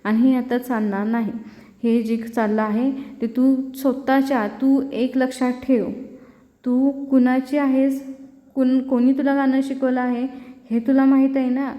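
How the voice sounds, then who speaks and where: A woman's voice: sits high, little pitch movement, unhurried, dull audio. A woman voicing a stern older female singing teacher who lectures her pupil. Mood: scolding. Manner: scolding, lecturing. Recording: echoey room with long reverb.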